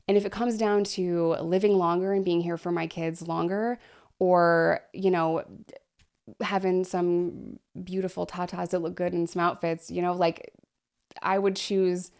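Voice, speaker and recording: Breathy, gravelly woman in her thirties. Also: a little mellow. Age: 30s. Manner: frank, chatty, breathy pauses for deep breaths. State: short of breath. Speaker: vlogger. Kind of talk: candid personal vlog. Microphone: desk microphone.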